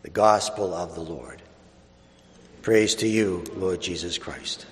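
A man serving as priest, reading the gospel aloud and then preaching a homily in a measured voice that slows and drops at the ends of phrases, heard with a cathedral echo. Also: low voice. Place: large church. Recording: long cathedral-like church reverb.

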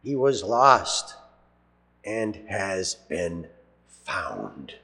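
A man's voice: big pitch swings, creaky, pushed and bright, slightly rough. Man's Gospel reading in cathedral echo. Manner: measured reading, letting phrase ends drop low and slow. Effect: cathedral echo, long church reverb. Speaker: priest reading the Gospel at Mass. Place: large church. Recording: long reverb of a large church.

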